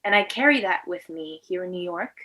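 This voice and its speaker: Poor audio captures a fairly low, animated, sharp-toned female voice moving a little fast. The speaker, a Venezuelan actor and filmmaker in her twenties whose native language is Spanish, responds conversationally to an interviewer's questions, representing Latin America.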